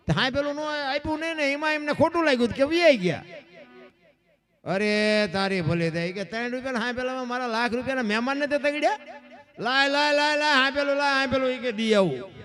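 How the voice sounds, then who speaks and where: A man telling a folk tale in dayro style, acting out each character's lines. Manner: animated, acts out characters' lines with shifting pitch. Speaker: folk storyteller. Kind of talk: Gujarati folk dayro storytelling.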